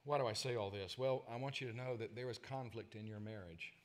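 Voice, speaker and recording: A man's voice: medium pitch, a little fast. Emphatic male preacher telling stories. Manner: emphatic, swings from loud stresses to quiet asides; personal storytelling to the congregation. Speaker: pastor. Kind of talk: sermon.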